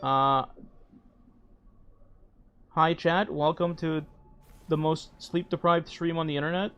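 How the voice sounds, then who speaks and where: A man's voice: fairly high pitch, fairly even intonation, slow pace, a bit bright, clean tone, muffled recording. A man streaming a game, chatting casually in a self-deprecating way. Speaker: livestreamer.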